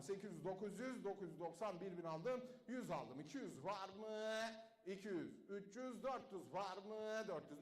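A man working as a car auctioneer, rattling off bid after bid in a rapid chant and dropping his voice low each time he names the standing price. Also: roomy sound. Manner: rattles off bids in a fast chant, drops low to call the price.

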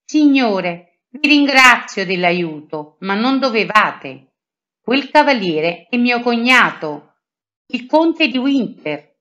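A woman voicing a scheming, proud English noblewoman, sweet on the surface and shrill when angry. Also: big pitch swings, a little slow, fairly bright tone, lo-fi sound.

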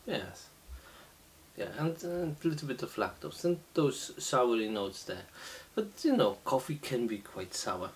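Slow, halting man reviewing beer. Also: mid-range voice, sing-song, slight background noise. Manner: slow, halting, many fillers and restarts. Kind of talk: casual beer tasting review. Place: small indoor room, seated at a table.

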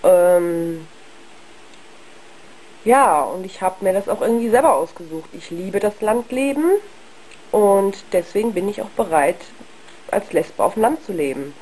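Husky woman, voice giving out. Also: medium pitch, mellow, rough recording. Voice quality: husky, worn voice. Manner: frank, reflective, halting. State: ill with flu, voice giving out. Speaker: video blogger. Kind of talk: casual personal monologue to camera.

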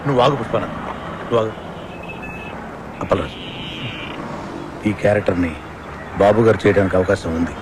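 A man's voice: fairly low pitch, normal speed, pauses often, natural voice. An actor playing a scheming male producer who lays out a sly plan in a comedy film. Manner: scheming, conspiratorial. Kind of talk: comic film dialogue. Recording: street traffic noise behind.

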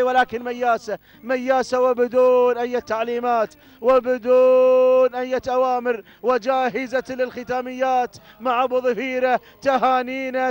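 A man calling a race live in a chanting style, repeating his congratulations. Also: very high voice. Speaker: race commentator. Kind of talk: excited live race commentary.

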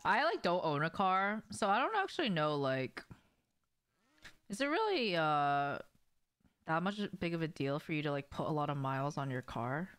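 A young adult woman whose voice sits low yet sounds very animated, fairly bright and smooth talks at a moderate pace, with no echo. She streams a game from a small room at home, chatting casually and swearing offhandedly while frequently questioning her viewers.

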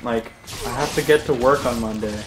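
A man's voice: medium pitch, normal speed, noisy background. A man giving casual gameplay commentary, rambling and joking and correcting himself as he goes. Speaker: let's play host. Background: game music and sounds.

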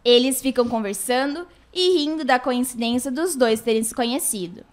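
A woman's voice: a little high, moderate pace. A woman reading scripted narration for a radio soap opera in the manner of an old radio show.

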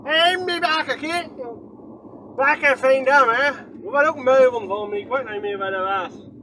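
A man with a Groningen accent and a very high, bright voice rambles through a slow, casual commentary from inside a moving vehicle. He asks himself questions and lets sentences trail off. A faint hum of road noise sits behind him. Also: fairly even intonation. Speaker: vlogger. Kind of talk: casual running commentary while driving.

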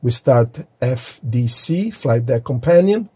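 A man's voice: medium pitch, lively intonation, takes it slowly, a little mellow, husky. A man casually walking viewers through starting up his home flight simulator cockpit, talking straight to them as he clicks through screens, recorded on a phone in the sim room. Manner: chatty, addresses viewers directly. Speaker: flight sim hobbyist host. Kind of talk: casual tutorial walkthrough. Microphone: phone camera held or mounted nearby.

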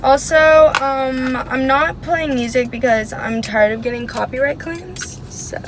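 Partly driving, a young American woman in her car tells a story to a dash-mounted camera in a casual, dramatic vlogger style. Her voice is high and her pace measured. Heavy car and road noise runs throughout.

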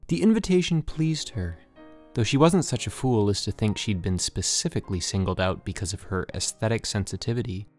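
A man with a fairly low-pitched voice narrates a literary short story as an audiobook, using measured, deliberate phrasing and careful pauses.

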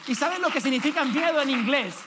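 A man's voice: very high voice, lively intonation, a little fast, noisy background. A man preaching a sermon as an evangelist in a church, speaking emphatically and asking the congregation direct questions.

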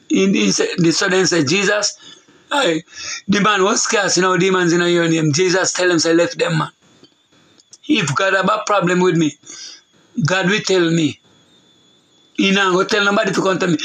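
A man's voice: high voice, bright, forceful tone, low-quality recording. A middle-aged Jamaican man with a Jamaican accent, preaching in an emphatic, repetitive way in patois. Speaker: preacher on a talk show. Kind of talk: loose preaching monologue.

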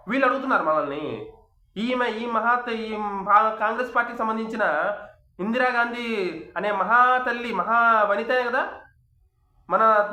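Man, Telugu accent, political rant, rhetorical questions, sharp tone, echoey room. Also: sits high. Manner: heated, scolding, rhetorical questions. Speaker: political YouTube commentator. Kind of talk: angry political opinion monologue.

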